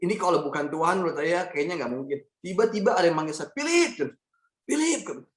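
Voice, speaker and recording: A man's voice: fairly high pitch, quick pace. Man telling his life story in an echoey room. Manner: storytelling, addresses audience as friends, acts out dialogue. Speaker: motivational speaker. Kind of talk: personal testimony talk.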